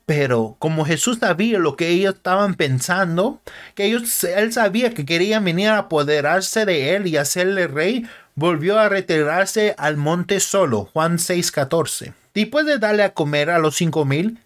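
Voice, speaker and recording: A man's voice: high voice, expressive, normal speed. A man hosting a podcast, retelling Bible stories simply and earnestly, sometimes stopping to correct a word. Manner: plain, earnest, with small self-corrections. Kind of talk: simple Bible story narration.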